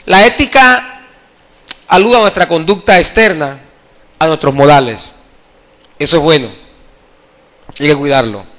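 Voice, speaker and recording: A male evangelist preaching a sermon at a church convention, impassioned, calling for applause and swinging between loud and soft. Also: on the high side, unhurried, long pauses.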